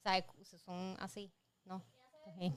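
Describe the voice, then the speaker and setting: A woman's voice: medium pitch, completely flat delivery, takes it slowly, clear, resonant tone. A woman, co-hosting a casual film chat, blunt and sarcastic and dropping English words into her talk. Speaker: podcast co-host and film reviewer.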